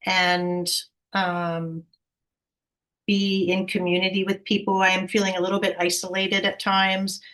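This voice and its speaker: Slow-talking woman painter. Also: medium pitch, flat delivery, a bit bright. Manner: halting, many fillers and restarts. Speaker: painter and class participant. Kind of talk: casual introduction on a video call. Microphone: video call.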